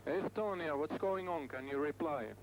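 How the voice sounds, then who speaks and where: A man's voice: fairly high pitch, moderate pace. A man, a ship's officer, answering a call over marine radio. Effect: marine radio transmission. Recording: very noisy, crackling VHF marine radio.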